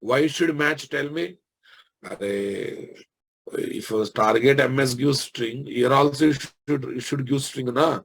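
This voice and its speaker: Speaking at a measured pace in a mid-range voice, this Telugu-accented Indian man teaches software in a relaxed lecture style, circling back over phrases and checking understanding with tag questions. A faint hiss or hum sits under the recording.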